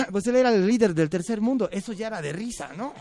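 A man's voice: sits high, expressive, darkish tone. A middle-aged man with a Mexican Spanish accent, talking casually in a radio panel discussion and often restarting his sentences. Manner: halting, many restarts and repeated words.

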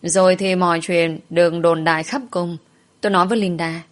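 A woman's voice: on the low side, flat delivery, a little fast. A woman narrating a first-person story, dramatically voicing the heroine's fears.

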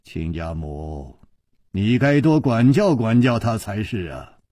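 A male storyteller voicing a stern older father who speaks deep, slow and severe. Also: big pitch swings, dark tone, dry recording, studio quality, full character voice.

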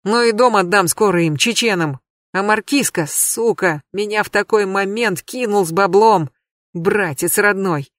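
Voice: medium pitch, a little slow, a bit bright, no room sound, natural voice. A reader voicing a cornered foul-mouthed male crook. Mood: aggrieved. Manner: crude, aggrieved, swearing. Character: bitter cornered male criminal, middle-aged, foul-mouthed. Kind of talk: audiobook character reading.

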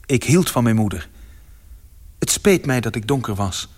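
A man reading a first-person literary story aloud as narrator, with dramatic delivery that swells in its louder passages. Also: mid-range voice, expressive, moderate pace, soft background music.

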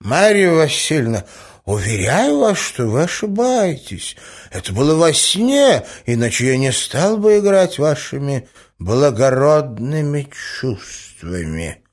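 Confused elderly prince read by a male narrator, stammering, slow, wandering pitch. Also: big pitch swings. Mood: delighted. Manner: hesitant, bewildered, stammering. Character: muddled, doddering old prince. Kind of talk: audiobook character reading.

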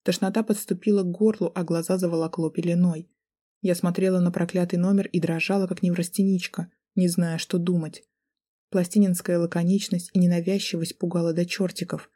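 A woman's voice: on the low side, little pitch movement, brisk, mellow, husky. A woman narrating a first-person novel as an audiobook, reading in a tense, dramatic way.

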